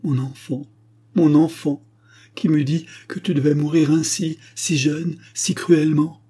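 A man reading aloud and voicing a grieving mother who cries out in sobs for her dead child, in a husky, dark voice. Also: fairly high pitch, little pitch movement, measured pace, pitched above the performer's own voice. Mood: anguished. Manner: sobbing, pleading.

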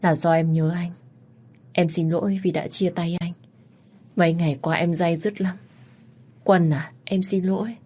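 A woman voicing a young woman director who is tearful and remorseful, speaking in soft, apologetic confessions. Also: on the low side, fairly even intonation, measured pace, pauses often, slightly rough.

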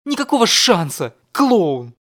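A man voicing a flustered, sharp-tongued young woman who bursts out in shrill exclamations. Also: very animated, normal speed. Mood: furious. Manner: shrill, exclaiming, emotional outbursts.

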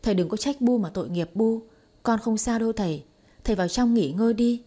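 A bold, scheming young wife, as a woman reader voices her in an audio story, quick to scold and mock. The voice is mellow and a bit husky. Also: a little high, natural voice. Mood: sharp.

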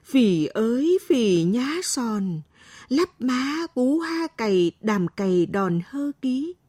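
A woman's voice: on the high side, lively intonation, takes it slowly, warm tone, husky, dry recording, clean studio sound, pitched above the performer's own voice, exaggerated voice. A woman voicing a frightened young village girl. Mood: pleading chant. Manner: crying out, chanting a spell.

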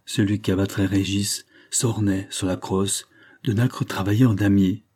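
Husky low-voiced guy reading a novel, dark mellow tone, steady pace. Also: a little slow. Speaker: audiobook narrator. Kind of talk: literary audiobook narration.

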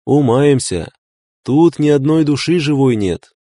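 A rough, blunt soldier-explorer in a storybook reading, loud and gruff, his voice pushed well above the reader's own low register, as a man puts him on. The recording is dry and close. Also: lively intonation, unhurried, no room sound. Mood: weary grumbling.

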